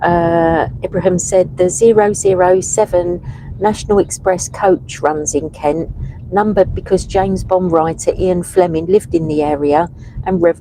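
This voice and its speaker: Slow, low, mellow woman. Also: fairly even intonation, low-quality recording. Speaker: passenger reading out live chat comments. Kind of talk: casual live stream chat. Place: inside a moving car. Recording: faint car road noise. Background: vehicle noise.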